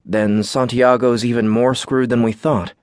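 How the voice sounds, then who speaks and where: A man's voice: mid-range voice, level tone, a little slow, no room sound, voice pushed up, close to an everyday voice. A male narrator voicing a tired young male reporter with a wry, dry humor.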